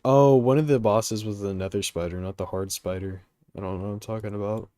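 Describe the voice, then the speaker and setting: His voice sits on the low side, dark and steady, moving a little quickly, with no echo. The young streamer sounds sleepy and yawns as he plans routes, reads chat questions aloud, and muddles through his thoughts with many fillers during relaxed gameplay commentary.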